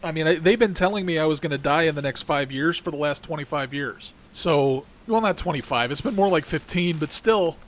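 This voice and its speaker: A man's voice: on the high side, fairly quick, few pauses. A middle-aged man hosting his own show, talking in a rambling, conversational way with a congested voice that keeps cracking. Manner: heated and ranting, then rambling and conversational. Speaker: podcast host. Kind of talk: casual political monologue.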